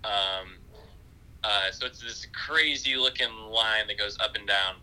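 Audio engineer guy on speakerphone, lowish voice, super bright edge, rambly casual explaining. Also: measured pace, poor audio. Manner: loose, filler-heavy explaining. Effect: heard over speakerphone.

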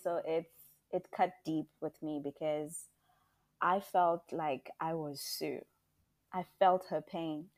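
Woman, podcast co-host, heartfelt, emphatic, lowish voice, dry close recording. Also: darkish tone, no room sound. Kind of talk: story reading and casual discussion.

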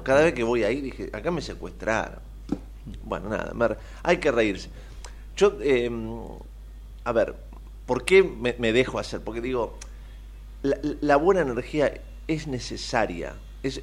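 An Argentine man hosting a radio talk show, his pitch swinging widely as he tells stories. He talks in a loose, animated way and laughs often. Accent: Argentine (Rioplatense). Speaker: radio host. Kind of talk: casual chat.

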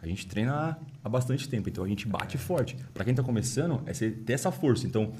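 A man's voice: mid-range voice, lively intonation, fast talker, warm tone, a little hiss or hum. A man casually teaching beatbox, full of slang and demonstrating the sounds. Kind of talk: casual explanation with vocal demonstrations.

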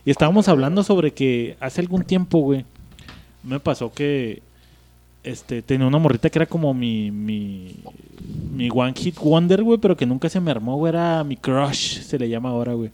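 Mellow-voiced Mexican man hosting a podcast. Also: mid-range voice, lively intonation, normal speed. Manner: slangy, rambling banter. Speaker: podcast host. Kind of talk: casual comic podcast chat.

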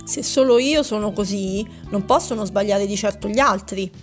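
A woman's voice: mid-range voice, normal speed, faint music behind, lightly acted. A woman voicing an insecure, easily hurt young male hare with a plaintive, defensive way of talking, in a storybook reading.

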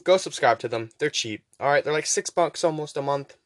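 Male podcaster with soft, w-like Rs. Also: fairly high pitch, fairly quick, dry recording. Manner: weak R sounds, pronounced close to W; chatty, urging listeners on with repeated phrases. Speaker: podcast host. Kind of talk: casual rambling podcast talk.

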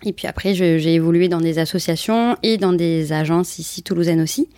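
A woman in her thirties from southern France, a relaxed interview guest who laughs between phrases, recorded in an office. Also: lowish voice, fairly quick, dry recording, studio quality. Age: 30s. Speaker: guest, entrepreneur. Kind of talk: casual interview.

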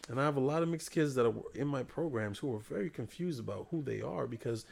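A man's voice: medium pitch, expressive, fast talker, gravelly, darkish tone. A young adult man co-hosting a podcast, giving blunt, profane, joking opinions in casual chat. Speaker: podcast co-host.

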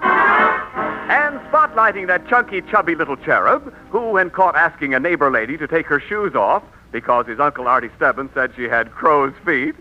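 Showy high-pitched male 1940s radio announcer. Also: animated. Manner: showy, drawn-out, punchy billing. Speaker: comedy show announcer. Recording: muffled old radio broadcast. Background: loud music.

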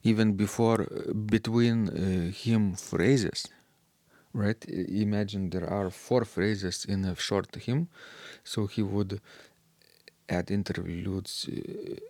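A man co-hosting a talk about organ music, speaking slowly and hesitantly with many fillers. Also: fairly low pitch, fairly even intonation, a little mellow, no room sound. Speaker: podcast co-host discussing organ music. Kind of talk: casual discussion.

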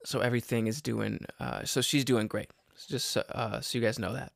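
A man hosting his own podcast, tired and unwell, talking in a low-energy, rambling way with lots of fillers and restarts. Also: fairly even intonation, normal speed, gravelly, no room sound, studio quality. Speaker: podcast host. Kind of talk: casual solo podcast update.

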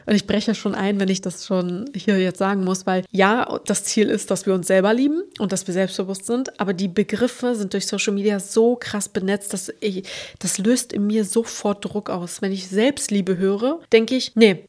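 A woman's voice: mid-range voice, moderate pace. Chatty young woman vlogger. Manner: chatty, animated, asks the viewer often. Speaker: beauty vlogger. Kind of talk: casual chat to camera.

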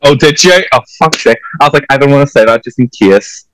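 A man from Portugal with a Portuguese accent, guesting on a podcast and chatting casually, animated and quick to jump into high exclamations. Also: no echo, poor audio. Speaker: podcast guest, drag performer. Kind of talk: casual chat.

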